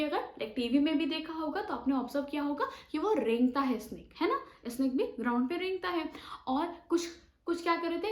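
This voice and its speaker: High voiced lady doing a demo class for kids, asks and answers her own questions, echoey room. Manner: animated, asks questions and answers them herself; imitates animal sounds. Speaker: teacher giving a demo lesson. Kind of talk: mock classroom lesson to imagined students.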